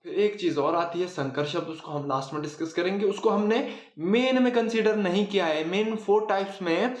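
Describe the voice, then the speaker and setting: A man's voice: high voice, moderate pace, echoey room. A man teaching a casual Hindi grammar lesson, chatty, repeating words for emphasis and asking and answering his own questions.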